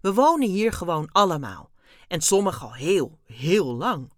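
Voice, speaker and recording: A woman's voice: fairly low pitch, sing-song, unhurried, no echo, studio quality. A woman reading a children's story aloud, voicing an earnest young boy who stammers when startled. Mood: upset, earnest.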